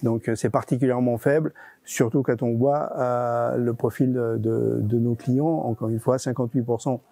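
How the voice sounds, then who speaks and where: A regional deputy director of a nonprofit answers interview questions in an explanatory way, hesitating and often repeating his words. His mid-range voice is dark-toned with vocal fry, fairly even intonation, and normal speed. The recording is dry.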